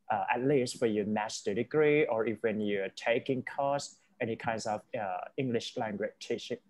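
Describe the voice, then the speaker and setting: A man teaching an online speaking class, talking in a chatty, encouraging way and switching between Thai and English. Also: mid-range voice.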